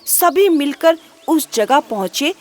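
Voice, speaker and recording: Slow high-voiced woman storyteller. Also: animated, darkish tone. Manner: unhurried, asks listeners rhetorical questions. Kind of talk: children's moral story narration.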